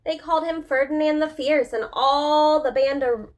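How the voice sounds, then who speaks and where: A woman reads a children's picture book aloud expressively, like a preschool teacher, adding casual, chatty asides and questions for young listeners. Her voice sits high with a steady tone, at normal speed, and her explanations are informal.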